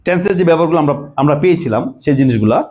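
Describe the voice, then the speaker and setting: A man teaching English grammar, repeating key words and quizzing the class with quick questions. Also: a little high, lively intonation, a little mellow. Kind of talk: classroom lecture.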